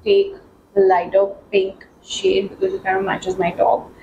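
A woman talking through a makeup tutorial as a beauty vlogger, chatty and excitable, with many fillers. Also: medium pitch, unhurried, muffled recording, background noise. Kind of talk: casual makeup tutorial chat.

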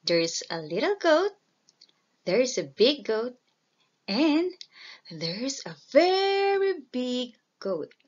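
A woman slowly and clearly reading a simple children's story aloud as a storyteller. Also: high-pitched, sing-song, muffled recording. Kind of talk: slow storybook reading for learners.

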